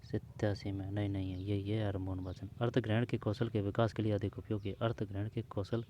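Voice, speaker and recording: A man's voice: lowish voice, flat delivery, a little fast, dark tone, a little hiss or hum. A man working through old exam questions aloud, speaking informally to the listener and repeating the answer options as he checks them. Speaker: exam prep teacher.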